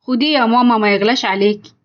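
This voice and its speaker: Storybook: narrator plays a mocking Egyptian son, quick, a little high. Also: female voice, highs cut off, natural voice. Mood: sarcastic. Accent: Egyptian Arabic. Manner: sarcastic. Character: mocking greedy younger son.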